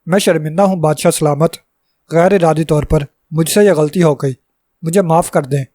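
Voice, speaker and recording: Man as dwarf commander, polite, deferential, storybook reading, fairly high voice, dry close sound. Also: mellow, no echo, close to an everyday voice. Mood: apologetic. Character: male dwarf commander, dutiful and humble.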